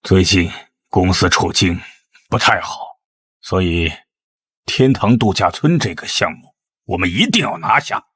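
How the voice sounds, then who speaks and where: An older man playing the commanding grandfather of a wealthy family, giving measured orders. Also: low-pitched, expressive, a bit bright, husky, full character voice. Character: stern elderly patriarch of a rich family. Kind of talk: TV drama acting.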